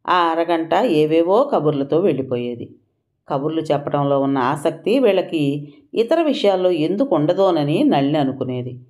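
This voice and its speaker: Woman, audio story narrator, expressive, animated pitch, warm tone.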